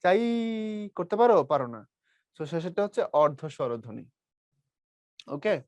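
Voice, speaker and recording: This young Bangladeshi man speaks with a Brahmanbaria-tinged Bengali accent while teaching an online class, going step by step, addressing students as "brother," and demonstrating sounds himself. His voice sits on the high side with big pitch swings and a brisk pace, and the dry recording has its highs cut off.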